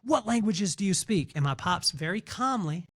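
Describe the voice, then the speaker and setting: A man being interviewed on a podcast, telling stories in an animated, conversational way and acting out what others said. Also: sits high, moderate pace, no echo, clean studio sound. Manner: animated storyteller, repeats words, acts out quotes. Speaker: podcast guest, speaker.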